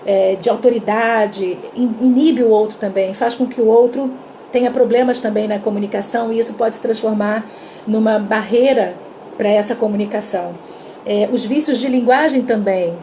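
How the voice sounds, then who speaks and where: A Brazilian-accented woman teaches communication in a live online class, her slightly high voice mellow and soft-edged. She talks with lively energy and acts out little sample dialogues, though her throat is dry. A faint hiss sits in the background. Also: normal speed. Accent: Brazilian Portuguese. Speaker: communication coach.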